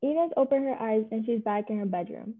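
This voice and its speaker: A woman reads stage directions aloud in a plain, even way. Her voice is a little high. It comes through a thin, phone-like line. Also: a little fast.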